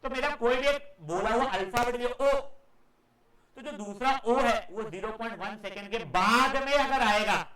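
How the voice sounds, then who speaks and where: A man teaches a class in a high, sharp voice. He acts out every sound he explains and calls the students "beta." Heavy echo fills the classroom around him. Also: moderate pace. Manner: scolds students loudly at times. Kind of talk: live classroom physics lecture. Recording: very echoey classroom.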